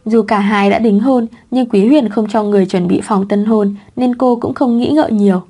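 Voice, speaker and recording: A woman narrating a romance story as a scripted audiobook, in a steady, even reading tone. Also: medium pitch, normal speed.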